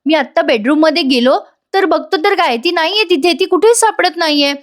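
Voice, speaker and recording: A woman voicing an anxious young husband searching for his wife, in a high, urgent voice. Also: expressive, fairly quick. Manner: urgent, calling out.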